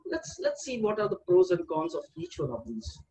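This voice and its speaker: A man's voice: high voice, sing-song, a little fast, creaky, warm tone, poor audio. An older man giving an online seminar presentation over a video call, with a headset mic and a hesitant manner full of "uh" and repeated words.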